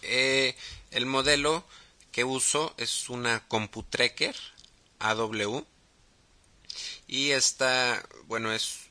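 A man with a Mexican accent hosting a casual podcast, talking haltingly with many fillers and restarts. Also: on the low side, sharp tone. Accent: Mexican Spanish. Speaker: podcast host.

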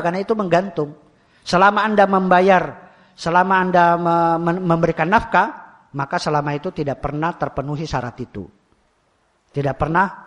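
A man's voice: fairly high pitch, a bit bright. A man with a Javanese Indonesian accent teaching a religious study class, often asking rhetorical questions and repeating key phrases. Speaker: Islamic teacher.

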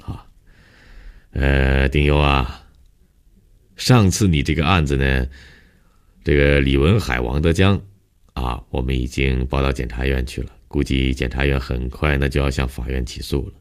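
A man's voice: a bass voice, fairly even intonation. A man voicing a stern old-school police captain. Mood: coaxing. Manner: scolding, drawn-out "啊" fillers. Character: stern middle-aged male police captain. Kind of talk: audiobook character voice.

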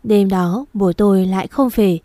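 A woman reading a first-person story aloud in a steady, somber storytelling manner. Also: mid-range voice, normal speed, dry recording. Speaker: narrator.

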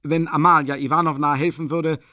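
An actor reading an audiobook, playing a pompous gentleman who stammers and hesitates. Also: a little high, little pitch movement, fairly quick, dry recording, clean studio sound, pitched above the performer's own voice. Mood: flustered pompous. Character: stiff, pompous gentleman, flustered.

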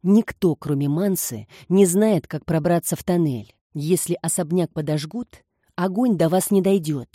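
A woman's voice: fairly low pitch, a little slow, mellow, no room sound, studio quality. A woman voicing a resolute young woman who gives firm, urgent orders. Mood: commanding.

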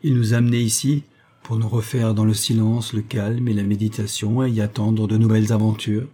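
A man reading aloud, voicing a mocking, lively young woman with a teasing, sharp tongue. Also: on the low side, brisk, close to an everyday voice.

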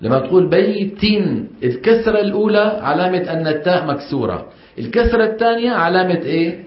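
A man's voice: high voice, expressive, quick pace. Levantine man quizzing a class. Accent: Levantine Arabic. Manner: questions the class often and drills them to repeat. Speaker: Quran recitation teacher. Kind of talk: classroom lecture. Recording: echoey, dull lo-fi classroom recording.

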